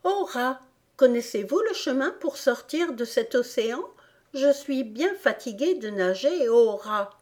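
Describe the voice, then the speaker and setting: A woman's voice: a little high, animated, unhurried, a little mellow, pitched above the performer's own voice. A woman reading an audiobook, voicing a polite, eager young girl in a raised, sweet voice.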